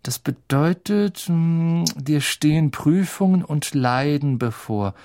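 A man reading an audiobook, voicing a teenage schoolboy who speaks slowly and hesitantly, with dry humor. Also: on the high side, lively intonation, darkish tone, pitched above the performer's own voice. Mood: wry.

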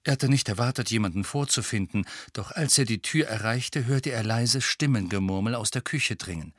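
A man reads an audiobook with clear, expressive storytelling at a middling pitch. The recording is dry and close, as from a studio booth. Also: no room sound. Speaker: narrator. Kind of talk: audiobook reading.

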